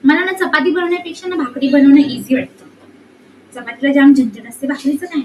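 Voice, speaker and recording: Young female vlogger, high-pitched and chatty, light background noise. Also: brisk, darkish tone. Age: young adult. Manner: chatty, addresses viewers directly. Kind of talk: casual vlog narration.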